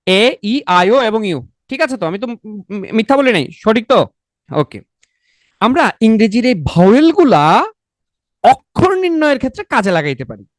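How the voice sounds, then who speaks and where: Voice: mid-range voice, sing-song, normal speed, long pauses, no echo. Teacher, asks then answers own questions, repetitive, dry close sound. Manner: drills by asking questions and answering them itself; repetitive and coaxing, often adds a checking "okay?". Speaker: exam-prep teacher. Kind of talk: online exam-prep lecture.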